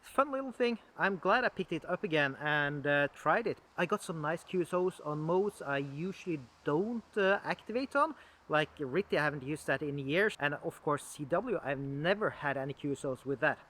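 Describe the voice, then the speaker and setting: With a slightly high, somewhat bright and expressive voice, a hobbyist talks through an equipment demonstration. It's casual and unscripted, and his explanations come haltingly, like conversation.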